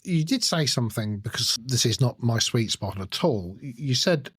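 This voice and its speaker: A man with a mid-pitched voice talks as an interviewer. He is conversational and self-deprecating, often halting and rewording as he works toward a question. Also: animated, slightly rough. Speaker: interviewer, host.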